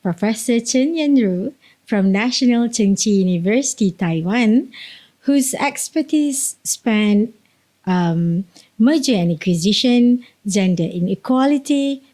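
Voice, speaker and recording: A woman's voice: medium pitch, animated, measured pace, mellow. A woman hosting a university podcast interview, asking rhetorical questions in a polite, formal way. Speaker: podcast host.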